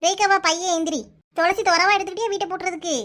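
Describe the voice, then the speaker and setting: A kindly but bossy older village woman in a cartoon, scolding and reassuring at length in a Kanyakumari Tamil accent, as a woman voices her. Her voice is pitched extremely high. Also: steady tone, fast, fairly bright tone.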